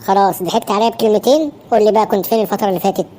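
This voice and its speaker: A woman's voice: medium pitch, very fast, dark tone, a little hiss or hum, natural voice. A woman voicing a curious, teasing young woman in an Egyptian cartoon, with an Egyptian Arabic accent and a prying manner. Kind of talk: Egyptian cartoon dub acting.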